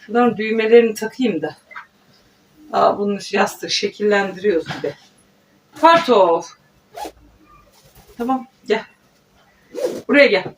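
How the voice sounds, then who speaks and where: A woman's voice: mid-range voice, measured pace, pauses often. A woman chatting at home in a casual vlog, cooing affectionately to her pet parrot while she works. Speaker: vlogger. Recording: distant mic with clear background noise.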